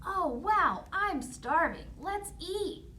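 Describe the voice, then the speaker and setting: An earnest, wary young storybook child, voiced by a woman. The voice is high and lively, simple in delivery, over faint noise. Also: unhurried, exaggerated voice. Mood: relieved.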